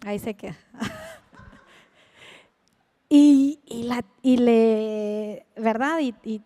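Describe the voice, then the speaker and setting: High-voiced Mexican woman preaching. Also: drawn-out words, long reverb tail. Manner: animated, chatty, with asides and laughs. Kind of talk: sermon with personal storytelling.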